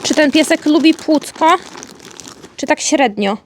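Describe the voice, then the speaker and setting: A woman with a high-sitting voice talks unhurriedly to her dog at home as she opens his birthday presents, coaxing him in a sweet, playful way. She's a vlogger, and there's slight background noise.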